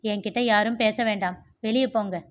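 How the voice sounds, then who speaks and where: A woman's voice: medium pitch, steady tone, normal speed, natural voice. A woman voicing a spoiled nineteen-year-old young man in a storybook reading, protesting tearfully. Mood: hurt. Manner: sobbing, petulant protests. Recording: muffled lo-fi recording.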